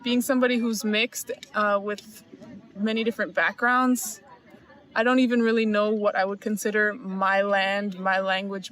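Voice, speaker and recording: A woman from the Midwest of the US, talking thoughtfully and evenly in an interview. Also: mid-range voice. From Evanston, Illinois. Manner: thoughtful, even delivery. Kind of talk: reflective interview talk.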